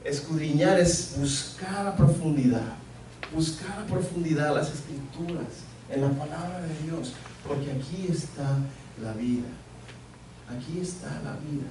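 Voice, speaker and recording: Pastor preaching earnestly in echoey church. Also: male voice, a little high, a little slow, background noise. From Mexico. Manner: earnest, repeats key phrases for emphasis. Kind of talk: sermon. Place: church sanctuary. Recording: echoey church, mic at a distance.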